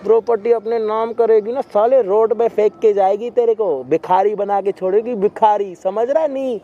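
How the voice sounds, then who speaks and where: A man hosting a staged prank video, scolding loudly, repeating words and swearing. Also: sits high, normal speed, phone-quality sound, a little hiss or hum.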